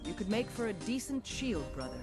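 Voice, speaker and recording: A woman's voice: mid-range voice, big pitch swings, a little fast, over music, lightly acted. An actress playing a tough female huntress warrior in a fantasy game, speaking in a curt, matter-of-fact way.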